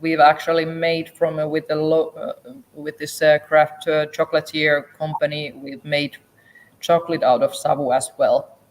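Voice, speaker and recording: A Finnish woman with a Finnish accent, a whisky distillery expert appearing as a guest, chats casually in English at a tasting. Her voice is low and level at a normal speed, though the poor recording carries a slight hiss or hum.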